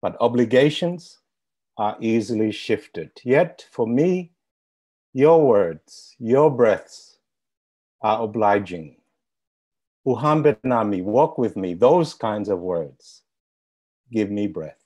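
A man with a somewhat low voice speaks very slowly. He recites a poem in a measured, rhythmic way, offered as a benediction to close an online forum. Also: lively intonation, a little mellow. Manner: slow, measured poetic recitation. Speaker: stand-in poet.

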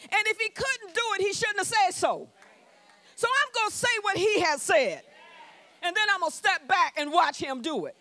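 A woman pastor delivers a bold, call-and-response sermon in a church. Her voice sits high and swings widely in pitch, with a bright, forceful edge. The sound is dry and close to the mic. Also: expressive, moderate pace. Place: church sanctuary.

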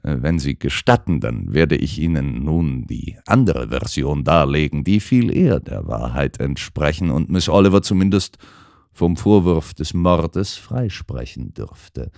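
A man voicing a calm, shrewd gentleman detective who lays out his reasoning in measured, precise sentences, in an audiobook. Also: extremely low pitch, vocal fry, no room sound, studio quality, exaggerated voice. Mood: explaining. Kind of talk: audiobook character voice.

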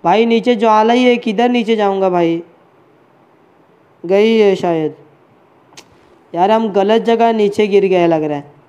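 Chatty game streamer, lo-fi mic. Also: male voice, high-pitched, unhurried, pauses often, warm tone, smooth. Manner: chatty, addresses chat and friends as bhai. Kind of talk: casual live game commentary.

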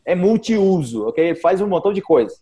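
A man's voice: high voice, very animated, fairly quick, dark tone. A Brazilian man teaching Portuguese expressions to a group over a video call. He explains patiently, repeats his examples and often checks with "ok?" and "cara".

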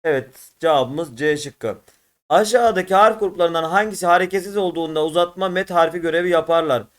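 A man with a Turkish accent teaching an exam-prep lesson, working through test questions and repeating syllables slowly. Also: on the high side. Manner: addresses viewers as friends, repeats syllables slowly and drawn out. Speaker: religious studies teacher.

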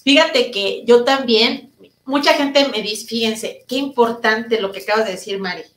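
A woman therapist and speaker answering audience questions in a live online talk, speaking loudly and emphatically and asking her listeners questions. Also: on the high side, normal speed, reverberant, low-quality recording. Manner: addresses listeners directly with rhetorical questions.

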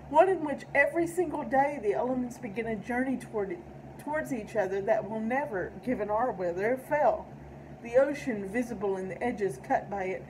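Poetry reader: middle-aged woman, Appalachian accent, slightly high voice, careful diction, home recording with light noise. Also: a little mellow, low-quality recording. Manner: careful enunciation. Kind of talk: poetry reading. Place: indoor room at home.

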